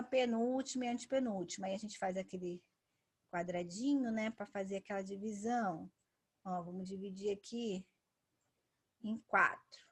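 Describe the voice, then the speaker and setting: A woman teacher giving a patient grammar lesson, saying example words slowly and twice. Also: mid-range voice, fairly bright tone, slightly rough. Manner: patient, says each example word twice.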